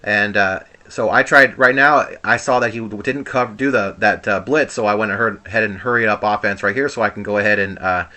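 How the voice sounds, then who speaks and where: A man's voice: fairly low pitch, a little fast, hardly any pauses, pushed and bright. A man giving casual, rambling commentary over his own video game play, hesitant and mildly frustrated. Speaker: gamer commentating on own gameplay.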